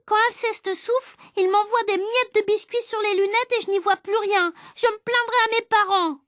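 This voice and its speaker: A prissy little schoolboy whines in a thin, very high voice, close to tears and ready to tell on everyone, as a woman reading a storybook puts him on. He draws out his complaints, and the dry, close sound keeps every sniffle near. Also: steady tone, moderate pace, a bit bright, no echo. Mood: whining. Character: whiny fussy schoolboy, tearful and prissy.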